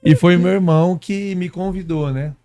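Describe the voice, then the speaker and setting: A man from São Paulo state telling his story as a guest pastor, unhurried, tagging his sentences with little questions. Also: high-pitched, fairly even intonation, dark tone. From São Paulo state, Brazil. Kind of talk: casual testimony conversation. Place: podcast studio.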